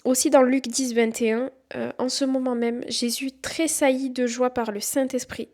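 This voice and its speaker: A woman's voice: sits high, fairly even intonation, moderate pace, a little mellow. Earnest young woman hosting a faith podcast. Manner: earnest, encouraging, reads Bible verses aloud. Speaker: podcast host.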